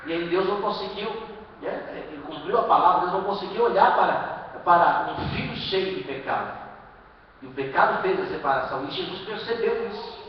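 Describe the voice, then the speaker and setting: High-voiced Brazilian pastor preaching in an echoing hall. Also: male voice, lively intonation, a little fast, lo-fi sound, slight background noise. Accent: Brazilian Portuguese. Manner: emphatic preaching with rhetorical questions and sudden loud bursts. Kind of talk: sermon. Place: church hall. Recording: echoey live-stream from far off in a hall.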